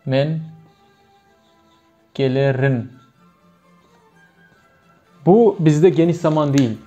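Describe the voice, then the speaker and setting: Man teaching, Turkmen accent, hesitant and full of fillers, warm tone, slightly higher voice. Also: very slow, faint music behind. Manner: hesitant, with many fillers and self-corrections. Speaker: language teacher. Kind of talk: casual video lesson.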